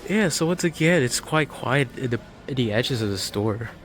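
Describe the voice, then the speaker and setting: Lively intonation marks this man's mid-range voice, delivered at normal speed, as he casually narrates a walkthrough of a large warehouse store for a vlog. Clear store ambience is picked up by his handheld phone or camera.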